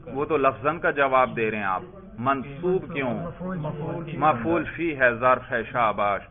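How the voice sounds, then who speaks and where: Male grammar teacher, mid-pitched, prods students with questions, says brother a lot; tinny lo-fi sound. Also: lively intonation. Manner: quizzing, prompting students for answers; addresses listeners as brother. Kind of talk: classroom lesson with questions to students. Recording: tinny phone-like lo-fi recording.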